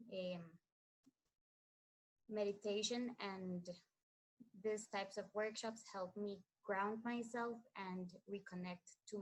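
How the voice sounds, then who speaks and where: Slow, reflective woman introducing herself. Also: mid-range voice, low-quality recording. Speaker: workshop participant. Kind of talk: casual introduction.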